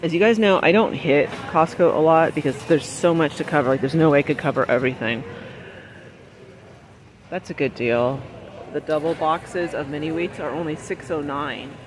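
A woman filming a casual shop-with-me vlog in a large warehouse store. She chats as she goes, reads prices aloud and drops quick excited exclamations. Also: sits low, background noise. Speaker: shopping vlogger. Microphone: handheld phone camera while shopping.

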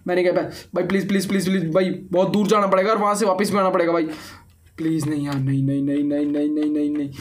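A young man with a high voice talks through his game in casual let's-play style. He is chatty and excitable, often firing off the same word over and over. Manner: excitable, chatty, often repeats words in bursts. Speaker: gaming YouTuber.

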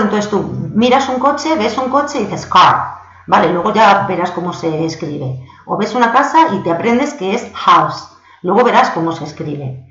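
A woman's voice: medium pitch, fairly bright tone. Spanish woman, English teacher, patient online lesson, roomy echo, dull lo-fi sound. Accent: Spanish from Spain. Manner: patient, slows down to read example sentences; checks in with learners often. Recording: echoey, dull lo-fi home recording.

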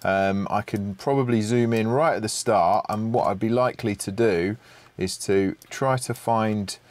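A middle-aged man with a fairly low voice talks at a measured pace. He's presenting an unscripted audio production tutorial as a screen share, thinking aloud and sounding somewhat hesitant.

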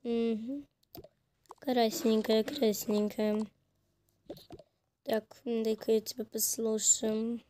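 A brisk, bossy female doctor from a toy role-play story, as a hoarse woman plays her. She talks slowly in a fairly high, hoarse voice, with faint noise underneath. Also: level tone, warm tone. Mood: instructive. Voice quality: hoarse from a cold.

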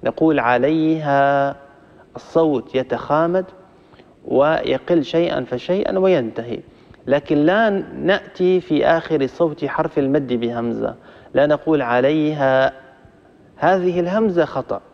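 A man's voice: fairly high pitch, normal speed, vocal fry. A man teaching Quran recitation rules, patiently explaining them step by step to callers in a live class. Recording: roomy, muffled audio.

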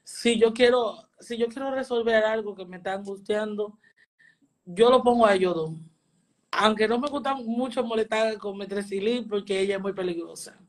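A woman shares a personal spiritual testimony in the role of a teacher. Her voice sits at a middle pitch, and she leans on repeated phrases with earnest emphasis. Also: normal speed.

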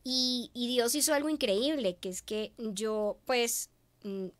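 A woman from Venezuela, a guest in an interview, telling her story in an expressive, emotional way and acting out her own past words. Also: a little high, slow pace, dry recording. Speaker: guest, media professional.

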